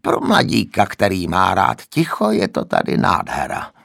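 A man's voice: deep voice, huge pitch swings, creaky, fairly bright tone, no room sound, clean studio sound, heavily acted. A man voicing a grumpy, wheezing old man with a cracked, aged voice who complains peevishly. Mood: sarcastic.

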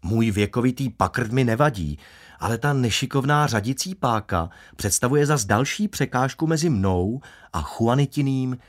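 A man's voice: medium pitch, expressive. A man narrating a first-person audiobook in a wry, ironic way.

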